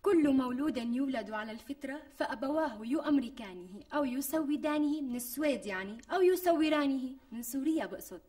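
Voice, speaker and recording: An actress playing a pampered, demanding young pregnant wife with a Syrian Damascene accent, wheedling and quick to take offence. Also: female voice, high-pitched, expressive, a little mellow. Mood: insistent. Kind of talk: TV sketch acting. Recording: distant mic with faint music.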